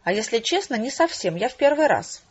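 A woman voicing a cool-headed undercover man with a wry manner, husky on a dull lo-fi recording. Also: a little high, a little fast. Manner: calm, wry. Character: cool-headed male undercover agent with a pipe.

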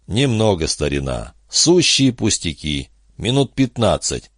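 Man doing a worn-out man's bitter inner voice, sardonic, self-mocking, very low, dry close sound. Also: big pitch swings, measured pace, fairly bright tone, dry recording, full character voice.

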